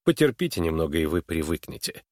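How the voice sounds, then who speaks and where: A man voicing a composed, condescending male sociologist in a measured, calm way, in an audiobook. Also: extremely low pitch, no echo, clean studio sound, pitched below the performer's own voice. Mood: calm, polite.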